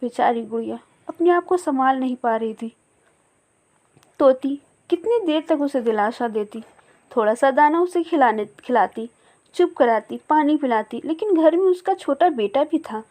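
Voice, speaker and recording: High-voiced woman narrating a children's story. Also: moderate pace. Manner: expressive, emotive storytelling.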